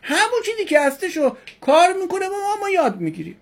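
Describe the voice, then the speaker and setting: A woman's voice: very high-pitched, sing-song. A woman teaching a religion class who asks her students questions and answers them herself, repeating key words for emphasis.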